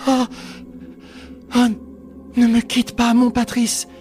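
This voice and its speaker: A man voicing a frightened young woman in a read-aloud novel, crying out in a high, pleading voice. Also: completely flat delivery, takes it slowly, darkish tone, faint music behind. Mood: despairing. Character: terrified young woman trapped in darkness.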